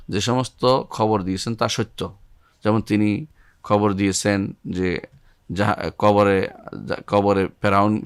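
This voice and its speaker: A man's voice: on the low side, clear, resonant tone, no room sound, clean studio sound. An older man teaching an Islamic studies lesson, reciting Arabic verses and explaining them with many repetitions and restarts. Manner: recites Arabic verses then explains in Bengali, repeating key phrases; halting, restarts words.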